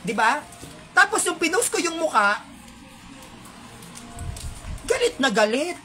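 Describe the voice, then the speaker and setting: A woman's voice: sits high, sing-song, takes it slowly, sharp tone, faint music behind. A woman with a Filipino accent, delivering an indignant, heated monologue to her viewers with rhetorical asides.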